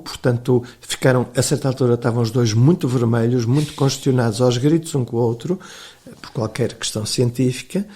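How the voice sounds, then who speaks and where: A man's voice: mid-range voice, darkish tone. An older man with a European Portuguese accent, a historian telling rambling anecdotes in an interview, with frequent hesitations and restarts. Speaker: historian guest. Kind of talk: conversational interview storytelling.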